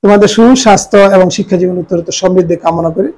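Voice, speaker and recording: A teacher giving a grammar lesson to exam students, spelling out each word sound by sound and repeating it slowly. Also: mid-range voice, darkish tone, low-quality recording.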